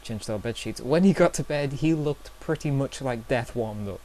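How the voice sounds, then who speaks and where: Speaking at normal speed in a mellow, medium-pitched voice, a young male vlogger shares awkward stories with his camera. He's chatty and self-mocking, leaning on fillers and laughing at himself, and the recording carries a faint hiss.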